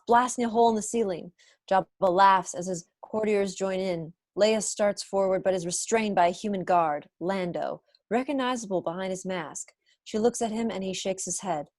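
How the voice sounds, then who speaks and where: Over wired earphones on a video call, a young adult woman reads stage directions as the narrator of an online table read from a small room in her home. Her mid-range voice is a little mellow. The sound is clean, studio-like, and free of echo.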